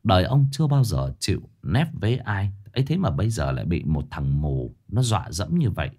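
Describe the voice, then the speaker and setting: A man narrating a scripted ghost story in a dramatic, expressive way. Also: deep voice, brisk, husky.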